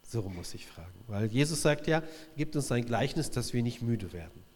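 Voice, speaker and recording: A man preaching a sermon in a lively, animated way, acting out quotes in different voices. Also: mid-range voice, brisk. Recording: reverberant hall.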